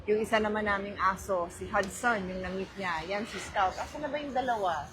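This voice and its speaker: Holding her phone for a livestream, a middle-aged Filipino-accented woman greets viewers by name and talks about her day, slipping easily between English and Filipino. She speaks fairly quickly at medium pitch over background noise.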